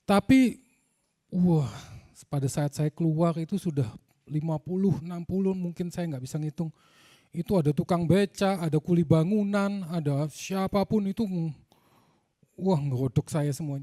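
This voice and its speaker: Preacher guy, a bit high-pitched, chatty sermon storytelling. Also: dark tone. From Indonesia. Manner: conversational, addresses the congregation, frequent filler "gitu".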